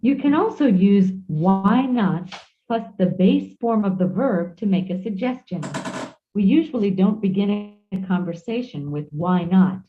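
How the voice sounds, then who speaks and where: Lively woman narrating textbook audio, tinny. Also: mid-range voice, unhurried. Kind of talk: scripted instructional narration. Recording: tinny audio played over a call.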